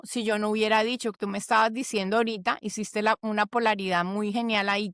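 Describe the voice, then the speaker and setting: A woman's voice: on the high side, fairly bright tone, smooth, dry recording, clean studio sound. A woman psychologist, explaining in a conversational interview and acting out the voices of people she quotes. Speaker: psychologist guest.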